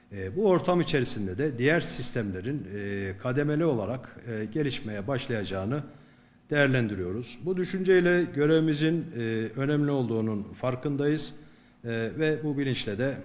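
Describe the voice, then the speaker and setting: A middle-aged Turkish military commander, a man giving a formal official statement in measured phrases, pausing often between them. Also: mid-range voice, expressive.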